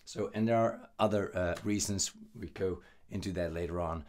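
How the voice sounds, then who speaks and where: A man from the Netherlands with a hoarse, worn voice, giving a loose, chatty guitar lesson full of fillers. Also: deep voice, moderate pace, a little mellow. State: hoarse, losing his voice. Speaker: guitar teacher. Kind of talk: casual video lesson.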